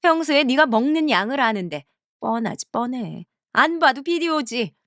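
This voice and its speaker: Harsh, berating mother-in-law, read by a woman, lively pitch swings, dry studio sound for a story cartoon. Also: moderate pace, dry recording, exaggerated voice. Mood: scornful. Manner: contemptuous, berating. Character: harsh scolding middle-aged mother-in-law.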